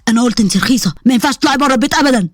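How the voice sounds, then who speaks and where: A woman's voice: on the high side, racing, no echo, close to an everyday voice. A woman plays an enraged, strict Egyptian father in a spoken storybook, hurling accusations at speed. The sound is dry and close. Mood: furious. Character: strict, furious middle-aged father. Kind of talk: storybook voice acting.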